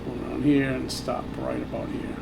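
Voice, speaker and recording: A man giving casual flight simulator commentary, thinking aloud in a relaxed way. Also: medium pitch, normal speed, gravelly. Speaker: flight simulator player narrating own flight. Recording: loud propeller engine drone over voice. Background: simulated small plane engine noise.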